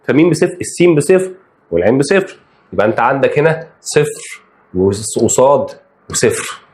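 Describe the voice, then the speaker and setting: Fast-talking Egyptian math teacher. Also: male voice, mid-range voice. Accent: Egyptian Arabic. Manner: animated, talks straight to students, repeats key phrases. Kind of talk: exam-prep math lesson.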